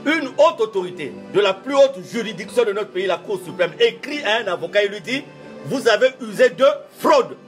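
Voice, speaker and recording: Speaking French as a second language, a high-voiced church official delivers a formal interview statement with lively intonation. His measured, oratorical delivery repeats phrases for emphasis, while faint music plays behind him.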